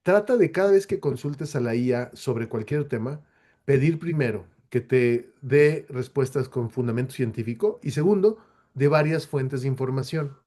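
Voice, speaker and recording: Mellow-voiced man explaining on a webinar. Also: mid-range voice, lively intonation, normal speed. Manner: explanatory, with frequent rhetorical questions and fillers. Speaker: webinar guest speaker. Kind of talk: answering audience questions in a webinar.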